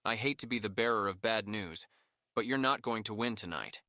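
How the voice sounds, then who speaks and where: A man's voice: lowish voice, a little fast, pushed and bright, dry recording, clean studio sound, pitched below the performer's own voice. A man voicing a cocky male wrestler who talks to a rival in a smug, mocking way.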